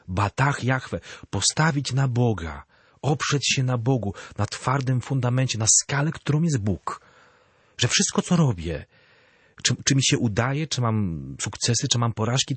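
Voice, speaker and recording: Husky, animated priest teaching faith. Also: male voice, medium pitch, no echo. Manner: animated storyteller; addresses listeners directly. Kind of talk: catechism talk.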